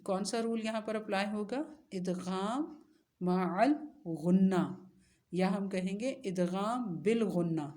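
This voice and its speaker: A woman teaching a recitation lesson, patiently asking questions and answering them, and spelling letters out slowly. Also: medium pitch, warm tone.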